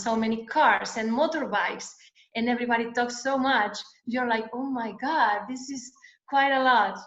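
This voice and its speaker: A woman from Spain with a Spanish accent, a guest educator talking hesitantly with many fillers in an online interview. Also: a little high. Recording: echoey, dull lo-fi call audio.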